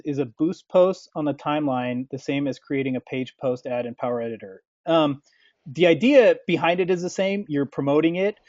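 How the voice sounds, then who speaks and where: A man hosting a webinar, reading out questions and answering them casually, with lots of fillers and a relaxed, hesitant manner. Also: mid-range voice, no echo. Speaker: webinar host. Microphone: computer mic over an online call. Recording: dull, dry online call audio.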